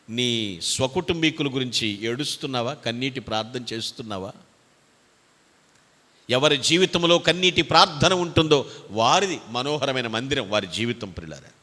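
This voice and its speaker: A male pastor delivering a sermon, swinging between loud exhortation and quiet asides. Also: mid-range voice. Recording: reverberant hall.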